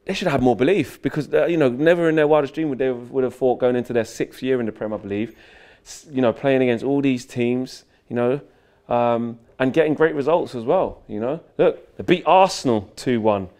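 A man's voice: mid-range voice, a little fast, hardly any pauses, a little mellow, long reverb tail. Guy in his 30s joking around on a dressing room tour, handheld mic. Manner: chatty, joking tour guide. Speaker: fan channel host. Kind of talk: casual walkthrough vlog. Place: empty stadium dressing room and corridor, indoors.

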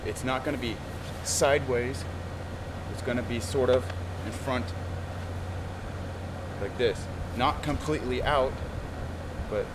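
A middle-aged man speaking as a martial arts instructor, giving short step-by-step commands outdoors, recorded from a few metres away. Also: mid-range voice. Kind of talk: taekwondo lesson, demonstrating and instructing. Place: outdoors in a garden. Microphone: camera a few metres away. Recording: noisy outdoor audio from a distant camera.

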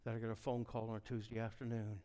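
A middle-aged man preaching a revival sermon, telling folksy stories and swinging from hushed near-whispers to shouted climaxes. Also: lowish voice, little pitch movement, fast.

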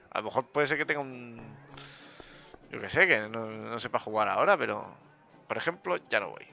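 A man giving joking, self-mocking commentary over a poker game, with bursts of loud excitement. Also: mid-range voice, creaky, highs cut off. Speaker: gaming youtuber.

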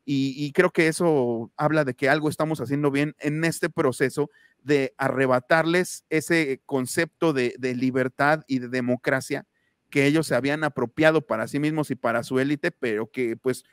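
A man with a Mexican accent giving political commentary on a panel show, speaking in a halting way with frequent restarts and repeated words. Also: on the high side, steady tone, clean tone, dry recording, studio quality. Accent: Mexican Spanish.

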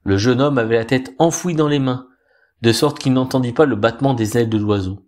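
Un homme raconte une histoire merveilleuse, posément et avec expressivité, d'une voix ni grave ni aiguë. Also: male voice, mid-range voice. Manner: calm, measured, expressive. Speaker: storyteller. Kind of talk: reading a fairy tale aloud.

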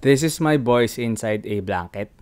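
A man with a Filipino accent, demonstrating in a relaxed, matter-of-fact way how his voice sounds when recorded under a blanket at home, the sound deadened by the cloth. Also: mid-range voice, moderate pace, a little hiss or hum. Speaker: vlogger giving video tips. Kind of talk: casual tutorial chat mixing English and Tagalog.

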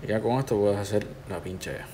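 Male tutor, lowish voice, relaxed step-by-step walkthrough. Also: brisk, slight background noise. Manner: relaxed, instructive, talks the viewer through each step. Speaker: tattoo artist teaching a digital stencil technique.

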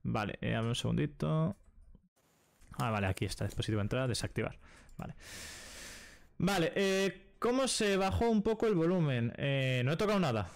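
Recorded in a small room at home on a desk mic and headset, a young man from Spain casually streams a card game, thinking aloud and sprinkling "vale" into nearly every sentence. His fairly high voice swings widely in pitch, moves fairly quickly, shows vocal fry, and breaks into long pauses.

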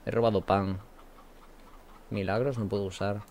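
A man with a Spain Spanish accent giving casual let's-play commentary, chatty and mumbling his asides, with bursts of shouting. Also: fairly low pitch, little pitch movement, normal speed. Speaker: gaming host.

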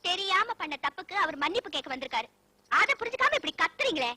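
An actress playing a stubborn young bride who talks firmly and scolds. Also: female voice, very high voice, very animated, fast, bright, forceful tone, no room sound, full character voice. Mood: scolding. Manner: firm, scolding.

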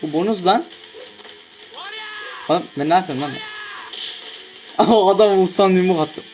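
Excitable young man narrating a fighting game. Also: sits high, a little slow, poor audio. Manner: excitable, swears casually, shouts in surprise. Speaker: gameplay streamer. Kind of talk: casual gameplay commentary. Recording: music clearly heard behind.

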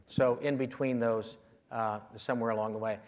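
50s guy on a lapel mic, keynote q&a on a big stage, sure of himself, lots of uhs, mid-pitched. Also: fairly even intonation, darkish tone. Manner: measured, confident, frequent fillers. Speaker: keynote speaker. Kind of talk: conference keynote Q&A. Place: large conference hall stage.

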